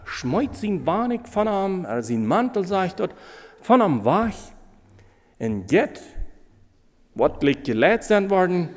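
A man preaches slowly in with a Low tinge, his voice sitting slightly high for a man. He speaks haltingly and with feeling, circling back to repeat phrases. A long hall reverb trails after each line. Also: a little mellow. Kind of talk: sermon.

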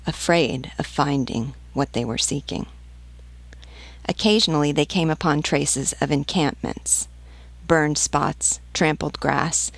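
A woman narrates a classic novel aloud, in a measured, deliberate reading. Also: deep voice, vocal fry, dry recording. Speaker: audiobook narrator.

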